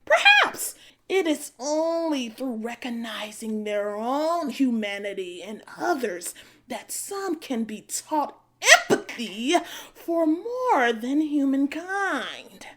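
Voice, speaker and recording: A woman voicing an old witch who speaks softly, slowly and patiently. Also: high-pitched, sing-song, full character voice. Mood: gentle, weary. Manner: soft-spoken, slow, lilting.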